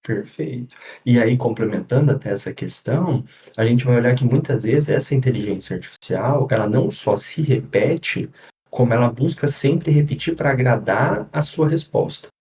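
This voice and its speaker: A psychologist explaining things in a casual podcast chat, often pausing on fillers and restarting his sentences. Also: medium pitch, dark tone. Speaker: psychologist guest. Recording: echoey room.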